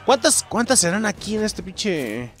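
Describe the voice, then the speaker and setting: A man with a Mexican accent doing excitable let's-play commentary, swearing and exclaiming at the game while talking to viewers. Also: high voice, unhurried, over music. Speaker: gameplay commentator.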